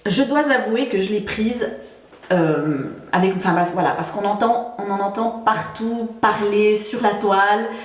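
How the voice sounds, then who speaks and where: Speaking a little slowly at a medium pitch, this Swiss French-accented woman chats about beauty products she's finished, stumbling through lots of fillers and restarts. She's a beauty vlogger, and the room gives her voice an echo.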